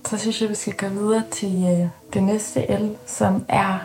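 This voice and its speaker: A woman's voice: mid-range voice, flat delivery, a little mellow, reverberant, faint music behind. A woman interviewing a guest, asking probing follow-up questions. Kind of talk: conversational interview.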